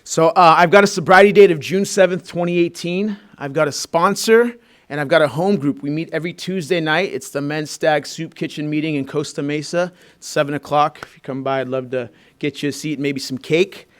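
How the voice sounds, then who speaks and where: A man's voice: a little high, a little fast. A man from Peru, raised in Southern California, giving a heartfelt personal recovery share as the main speaker at a meeting in a school room, talking loosely with fillers and restarts.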